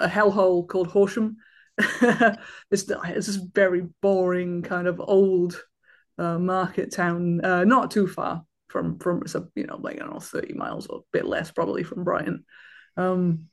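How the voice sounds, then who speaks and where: In a relaxed conversation, a guest from Wales in his thirties rambles along, full of fillers and restarts. He has a high, creaky voice.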